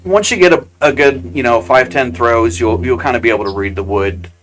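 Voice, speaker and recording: A man's voice: mid-range voice, brisk, a bit bright. A man chatting casually in an interview while sitting in ice cold water, strained and gasping from the cold. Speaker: axe throwing venue staff giving an interview.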